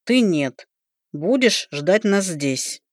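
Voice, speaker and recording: A woman's voice: fairly low pitch, lively intonation, extremely slow, a little mellow, no room sound, studio quality. A woman reading an audiobook, voicing a young male dragon student who talks in a blunt, teasing, matter-of-fact way. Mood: wry. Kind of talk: audiobook character voice.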